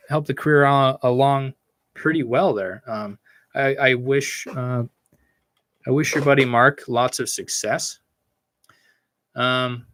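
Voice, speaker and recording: A young adult from the United States answers his podcast livestream chat off the cuff, crude, teasing and heavy on swearing, at a middle pitch that's a bit bright. The front-facing studio stand mic in his small room captures him close and dry, with almost no room sound and no echo.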